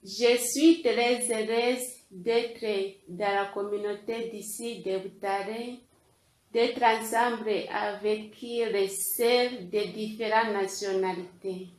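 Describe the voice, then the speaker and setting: A novice nun speaks very slowly and carefully in a mid-pitched voice, her clear. The room around her adds a noticeable echo. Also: steady tone. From Rwanda. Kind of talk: personal testimony.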